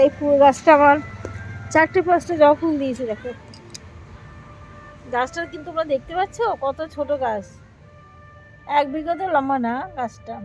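On poor audio, a woman with a high but darkish voice vlogs from her home garden. As host of her own page, she chats casually and effusively, showing things to viewers and often going over the same points again.

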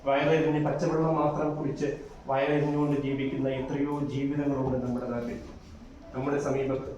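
A man's voice: medium pitch, level tone, fairly quick, muffled recording, slight background noise, lightly acted. A man playing a kind, earnest schoolteacher. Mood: consoling, preachy. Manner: gentle, coaxing, moralizing. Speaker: teacher. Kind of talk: amateur short-film acting. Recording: echoey room, mic far off.

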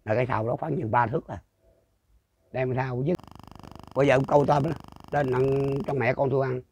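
A man's voice: mid-range voice, steady tone, a little fast, a little mellow, a little hiss or hum. An older man with a Southern Vietnamese accent telling a folk ghost story in a rambling, repetitive way, full of restarts. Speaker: storyteller interviewee.

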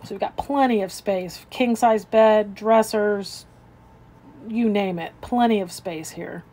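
A woman real estate agent gives an unscripted, informal walkthrough of a house indoors, describing each room as she moves through it. Her mid-range voice is mellow and her pace slow.

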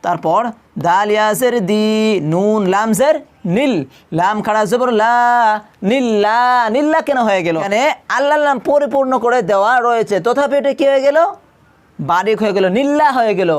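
The teacher here asks listeners question after question and supplies the answers while teaching tajweed. Each letter and vowel mark of the Quran verse is spelled out first, then recited in long, stretched tones, in a clear, smooth voice of middle pitch.

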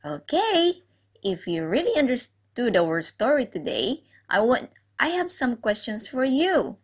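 A woman teacher with a fairly high, sing-song, slightly rough voice tells a story to young children at a somewhat slow pace. She asks the class questions, repeats key words, and praises and encourages their answers.

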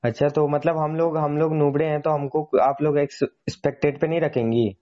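A man's voice: on the high side, steady tone, a little fast, dull audio. A man hosting a gaming channel, chatting casually and pleading persistently over in-game voice chat.

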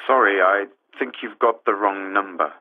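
A man speaking politely and clearly over a landline phone. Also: on the low side. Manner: polite, measured, clearly spelled out. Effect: heard over a landline phone. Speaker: actor in course-book phone dialogues. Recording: tinny narrow phone line.

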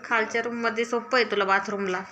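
A woman's voice: on the high side, little pitch movement, quick pace, dull audio, noisy background. A woman with a Marathi accent chatting casually at home, coaxing and affectionate with her child. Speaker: vlogger and mother. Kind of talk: casual family chat.

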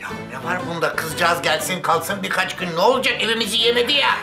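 A man's voice: high-pitched, fast, over music. An actor playing a mild, fussy barber father in his sixties in a sitcom. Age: 60s. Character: good-natured older male barber, fussy. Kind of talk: sitcom acting.

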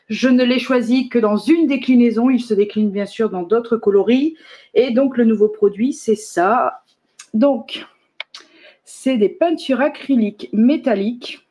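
A woman's voice: a little high, darkish tone. Chatty French woman demoing paint live. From France. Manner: chatty, laughs often, self-correcting. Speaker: host of a live product demo. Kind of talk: casual live stream chat.

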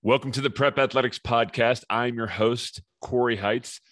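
A man hosting a podcast, reading a brisk, upbeat intro and asking his guest questions. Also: mid-range voice, steady tone, over music. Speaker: podcast host. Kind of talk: scripted intro and interview questions.

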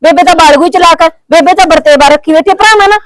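A woman with a Punjabi accent playing a stubborn young wife who scolds loudly and talks back. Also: very high-pitched, poor audio. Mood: defiant. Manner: loud, defiant, rapid scolding. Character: defiant young wife, sharp-tongued, stubborn. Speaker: young wife arguing with husband. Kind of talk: comedy short-film acting.

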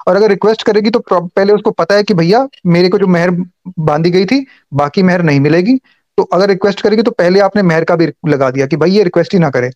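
A man's voice: sits high, quick pace, a little mellow, no echo, highs cut off. A man in a heated online debate, insistent, arguing point by point and cutting in. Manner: insistent, interrupts, argues point by point.

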